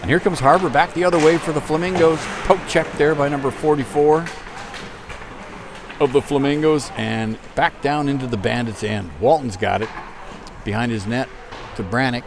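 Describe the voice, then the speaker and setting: A man calls a hockey game play by play in a loose, joking way, keeping up with the puck as it moves. His voice sits in the middle range. A steady wash of loud rink noise runs under everything he says. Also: mid-range voice. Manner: jokey, quick to follow the action. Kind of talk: casual amateur play-by-play commentary.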